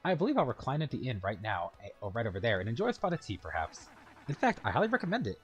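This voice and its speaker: A man's voice: medium pitch, wildly swooping pitch, rapid-fire, faint music behind. A man reading aloud as a fussy elderly male mushroom royal attendant in a video game, formal and old-fashioned.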